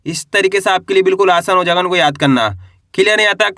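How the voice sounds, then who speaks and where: A man teaching the Hindi alphabet, asking the learner to repeat each sound and drawing the syllables out slowly. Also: high-pitched, bright, forceful tone, no echo, studio quality. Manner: stretches vowels and syllables in drawn-out teaching pronunciation. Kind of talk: alphabet lesson with call-and-response drills.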